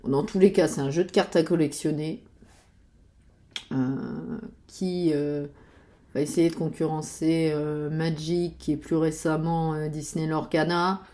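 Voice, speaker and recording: A woman's voice: low-pitched, flat delivery, a little slow, dark tone. A woman chatting casually about board games while searching websites, hesitating with many fillers and muttering to herself. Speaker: board game youtuber.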